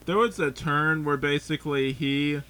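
A man's voice: on the high side, normal speed, sharp tone, clear, resonant tone. A man chatting casually as he reviews a film, rambling and leaning heavily on filler words. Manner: rambling, filler-heavy, says "like" often. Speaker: podcast movie reviewer.

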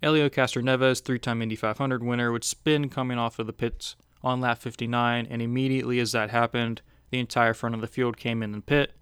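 A man's voice: mid-range voice, level tone, brisk, hardly any pauses, fairly bright tone, clear, resonant tone, no echo, clean studio sound. Man giving a casual race recap. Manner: conversational, with frequent "uh" fillers. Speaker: racing recap host.

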